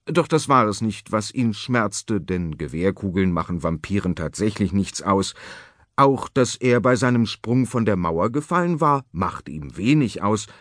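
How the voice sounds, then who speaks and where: A man narrating a children's story in a lively, expressive way. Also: lowish voice, measured pace, no room sound. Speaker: audiobook narrator. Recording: dry studio audiobook.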